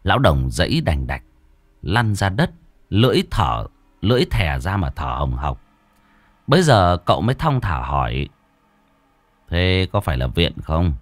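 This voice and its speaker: A man narrates a ghost story with an expressive, dramatic reading. His voice is very deep and swings widely in pitch. The sound is close and dry. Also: moderate pace, dry recording.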